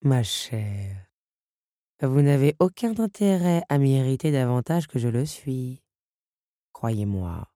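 A woman voicing a cruel, mocking countess in a storybook reading, speaking slowly and with disdain. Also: extremely low pitch, animated, dark tone, no room sound, clean studio sound, full character voice. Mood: menacing. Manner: slow, menacing, disdainful. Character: cold cruel noblewoman countess, mocking villain.

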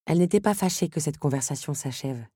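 A woman narrating an audiobook in a calm, even storytelling manner, with a husky voice. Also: low voice, fast talker, no echo, clean studio sound.

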